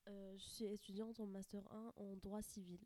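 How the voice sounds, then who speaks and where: Flat-toned young woman from Tunisia. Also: medium pitch, normal speed, no room sound. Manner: hesitant, many fillers. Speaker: student guest. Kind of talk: interview.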